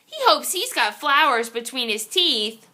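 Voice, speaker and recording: A woman with a high, sharp, very animated voice reads a children's picture book aloud a little slowly. Her delivery is theatrical and suspenseful, and she draws out her exclamations.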